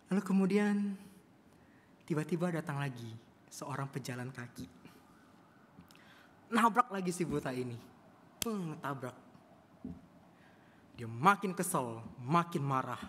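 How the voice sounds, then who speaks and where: Male preacher telling a story in church, slightly high voice, big hall echo. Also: animated, unhurried, pauses often, a bit bright, a little hiss or hum. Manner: addresses the congregation often. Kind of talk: sermon storytelling. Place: church service. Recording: long church hall reverb.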